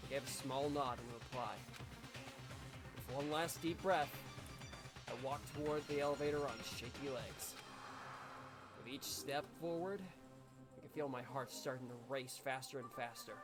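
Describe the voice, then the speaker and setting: A man's voice: mid-range voice, over music, close to an everyday voice. A man reading the narration of an anxious teenage boy protagonist in a game. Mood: uneasy. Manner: measured storytelling narration.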